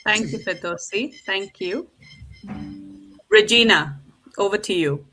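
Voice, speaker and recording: A woman's voice: mid-range voice, slow, bright, forceful tone, soft background music. A woman from India hosting a live online panel, upbeat and eager, introducing her guests over a video call. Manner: upbeat, keeps calling things lovely. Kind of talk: live-streamed group discussion.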